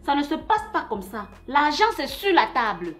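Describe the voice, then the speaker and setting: A woman's voice: high voice, big pitch swings, normal speed, fairly bright tone, soft background music. A woman in a comedy sketch, scolding and protesting the others.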